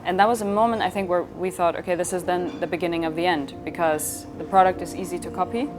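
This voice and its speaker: Speaking quickly in a steady, lowish tone, this Swiss woman is being interviewed as a company founder. She chats through stories in a relaxed way, voicing made-up dialogue, while clear music plays in the background.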